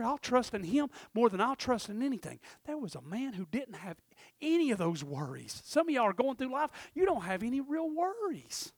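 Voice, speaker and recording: A middle-aged man preaches in a high, ringing voice. He swings between shouted urgency and hushed, personal asides. The sound is close and dry, with no room around it. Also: dry recording. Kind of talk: sermon.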